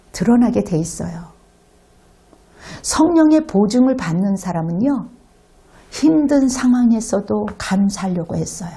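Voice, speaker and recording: A woman's voice: mid-range voice, breathy edge. A woman pastor preaching a sermon, telling a story animatedly and asking the congregation rhetorical questions. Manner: animated storytelling, acting out quotes.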